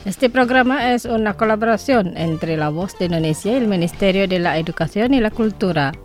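A woman hosting a radio language lesson, speaking slowly and carefully and repeating each word twice for listeners. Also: mid-range voice, animated, faint music behind.

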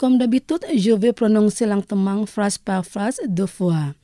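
Slow, low-toned woman teaching vocabulary. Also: mellow, no echo, studio quality. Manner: careful, repeats each word twice. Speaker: radio language teacher. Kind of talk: slow radio vocabulary lesson.

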